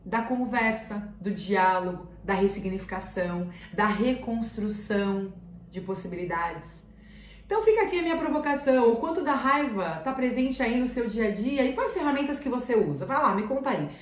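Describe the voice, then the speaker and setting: A Brazilian Portuguese-accented woman teacher speaks to parents in a slightly raised pitch. She is earnest and hammers key phrases home through repetition. Her voice rings in a roomy, echoey space. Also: expressive, moderate pace, a little hiss or hum. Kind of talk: talking to parents. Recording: roomy echo.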